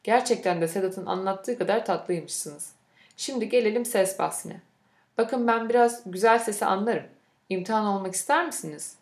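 Woman reading a grand, speech-loving older gentleman host in a storybook, roomy echo. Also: medium pitch, moderate pace, lightly acted. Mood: genial. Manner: grand, talkative, fond of speeches.

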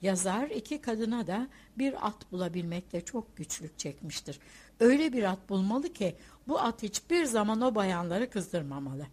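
A woman narrating a literary audiobook in a measured, expressive reading voice. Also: mid-range voice, breathy edge. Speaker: audiobook reader.

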